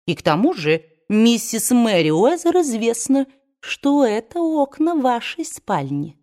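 A woman voicing a fretful elderly aunt who scolds gently and frets, in an audiobook. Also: lowish voice. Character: fussy elderly aunt, easily tearful.

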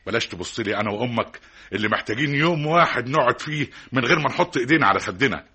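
A man's voice: medium pitch, animated, racing, bright, forceful tone, breathy edge. An actor with an Egyptian accent playing a stern, hardworking middle-aged father who lectures his son with rhetorical repetition, in a classic radio drama. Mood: lecturing. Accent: Egyptian Arabic.

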